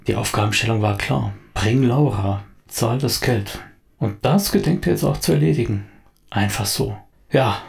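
A man narrating a scripted story dramatically and briskly. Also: medium pitch, creaky.

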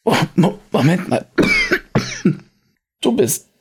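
A man's voice: on the high side, expressive, a little slow, creaky, a little mellow, slightly rough, pitched above the performer's own voice, exaggerated voice. A man voicing a nervous, stammering male bar owner, pleading and anxious.

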